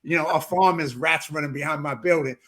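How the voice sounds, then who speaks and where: A New York man hosts a podcast interview, his voice pitched on the high side, fairly quick and fairly bright. He teases his guest in a playful, chatty way, restarting often as the casual conversation rolls on.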